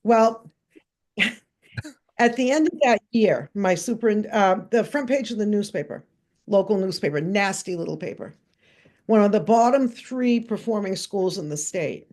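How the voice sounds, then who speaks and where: A woman's voice: medium pitch, unhurried. An older woman from New Hampshire tells stories as a guest in an interview. Her voice sits in a middle register. She acts out the voices of the people in her stories. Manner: lively anecdotal storytelling, acting out quoted voices. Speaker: guest, education consultant. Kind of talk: storytelling in a podcast interview.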